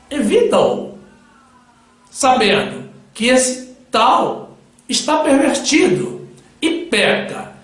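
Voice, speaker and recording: A man's voice: extremely high pitch, a bit bright. A male preacher delivering a solemn sermon with Bible readings, addressing his listeners as brothers. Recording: very echoey room.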